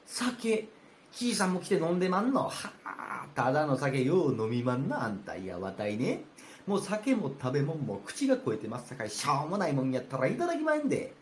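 Kansai snob guest, high-ish scornful drawl, lively pitch, roomy sound, man doing rakugo. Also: a little fast, a little hiss or hum. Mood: boastful. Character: snobbish boastful male guest, picky eater. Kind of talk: rakugo storytelling. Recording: roomy with faint ambience.

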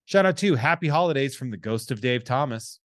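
A mid-pitched man hosts a laid-back podcast, rambling through jokes and listener shout-outs. He sounds dry and close to the mic, with no room around him. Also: animated, brisk, no room sound. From New England. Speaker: podcast host. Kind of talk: casual chat.

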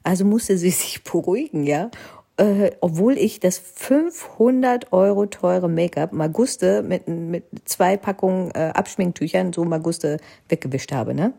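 A woman's voice: lowish voice, lively intonation, a little slow, vocal fry, warm tone, breathy edge. A woman telling the story of her own wedding in a casual, rambling way, tagging nearly every sentence with a questioning "ne". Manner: rambling, constant tag question "ne?".

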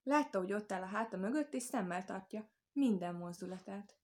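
A woman reading a children's animal fable aloud in an even, clear storytelling manner. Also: mid-range voice. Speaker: audiobook reader. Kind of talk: scripted storybook narration.

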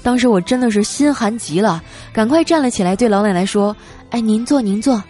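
A woman's voice: medium pitch, expressive, fairly quick, darkish tone. A woman hosting a radio-style show, reading listener jokes in a playful, teasing storytelling manner. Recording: music bed underneath.

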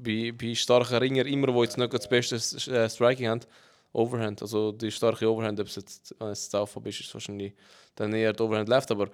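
A young man with a Swiss German accent co-hosting a casual chat, explaining things calmly with hesitant fillers. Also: lowish voice, a little fast, few pauses. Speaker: co-host.

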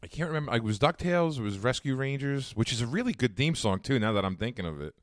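A man's voice: mid-range voice, big pitch swings, fast talker, no echo, studio quality. A man co-hosting a podcast, chatting casually and laughing often. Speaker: podcast co-host. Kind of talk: casual chat.

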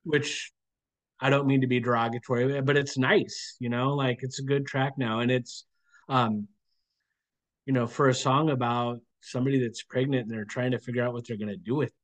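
A man appearing as a guest on a relaxed podcast, with a voice of ordinary middle pitch for a man. He feels his way through each thought, pausing on frequent "um"s and easing into his points. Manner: hesitant, thinks aloud with frequent "um"s. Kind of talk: casual podcast chat.

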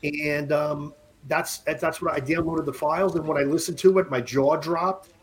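A podcast guest in his late fifties chats casually, rambling and joking with frequent restarts. His voice is a little high, with a steady tone and moderate pace.

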